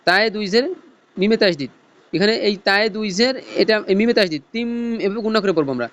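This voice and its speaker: A man teaching Noorani Quran reading in a lesson, spelling out letters and tajweed rules in a slow teaching chant. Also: high-pitched, lively intonation, a bit bright, dull audio, slight background noise. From Bangladesh.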